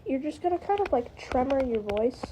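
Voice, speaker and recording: A woman's voice: high-pitched, big pitch swings, brisk, background noise. A woman giving a casual, rambling spoken tutorial, hedging with lots of "like" and "kind of". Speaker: tutorial maker.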